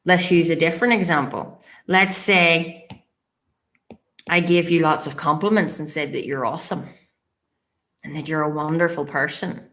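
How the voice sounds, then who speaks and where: A woman's voice: low voice, steady tone, normal speed, pauses often, fairly bright tone. A woman with a Northern Irish accent teaching as a motivational coach, speaking emphatically and directly to her listeners and checking in with them.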